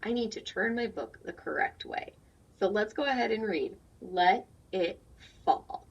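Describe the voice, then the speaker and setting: With a picture book in hand, a female teacher reads aloud to young children, explaining things simply and quizzing them. Her mid-range voice is animated, creaky and a bit breathy, delivered at a measured pace. The recording sounds dull, lo-fi and distant.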